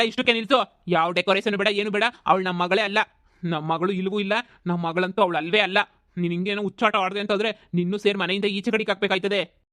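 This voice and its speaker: In a comedy cartoon, a man with a high voice plays a bullying, foul-mouthed middle-aged village landlord who yells insults and threats. There is no room sound on the recording.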